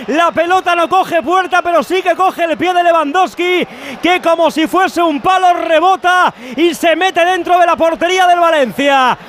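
Very high-pitched Spanish male goal commentator. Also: moderate pace, a bit bright, slight background noise. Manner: impassioned, stretched declamatory delivery. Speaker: radio football commentator.

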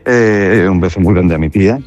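A man's voice: low-pitched, moderate pace, darkish tone, soft background music. Man from Málaga with a dull lo-fi voice message. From Málaga, Spain. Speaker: listener leaving a voice message. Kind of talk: recorded voice message.

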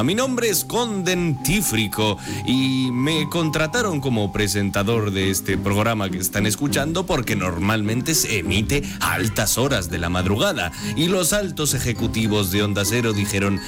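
Theatrical, swooping vampire radio host. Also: male voice, fairly low pitch, very animated, measured pace, music in the background. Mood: jaunty, mock-humble. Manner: theatrical, mock-humble, courteous. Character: hammy, courteous male vampire radio host. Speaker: comedy show presenter. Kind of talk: theatrical comedy radio presenting.

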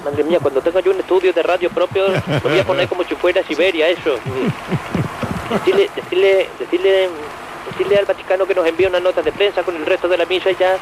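A man's voice: sits high, steady tone, fast talker, natural voice. A man playing a hapless, naive young reporter in a parody live radio report, stammering and flustered. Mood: flustered, complaining. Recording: noisy windy outdoor report.

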